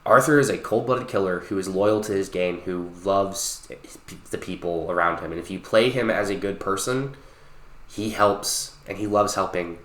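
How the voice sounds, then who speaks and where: A man in his late twenties co-hosting a podcast, retelling a game story in a casual, animated way and swearing freely. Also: sits low, normal speed, echoey room. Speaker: podcast co-host. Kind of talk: casual chat.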